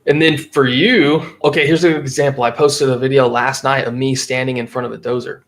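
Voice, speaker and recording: A man talking casually as a guest on a podcast, lively and acting out what customers would say. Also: mid-range voice, fairly quick. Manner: animated, acts out quoted customers. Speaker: marketing agency guest.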